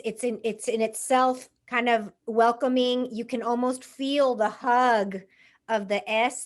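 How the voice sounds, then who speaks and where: A woman's voice: a little high, fairly bright tone. A woman hosting an interview show, chatty and enthusiastic with restarts. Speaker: host. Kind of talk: interview host.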